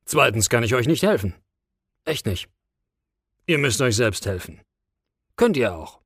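A man's voice: mid-range voice, very animated, measured pace, a bit bright, slightly rough, no echo, studio quality, exaggerated voice. Man voicing a weary, blunt God. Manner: blunt, casual and world-weary. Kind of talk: audiobook reading.

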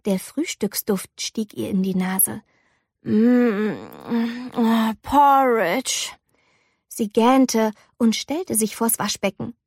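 A woman reading a children's story aloud in a slow, expressive storytelling manner. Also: medium pitch, vocal fry, slightly rough, no room sound, clean studio sound.

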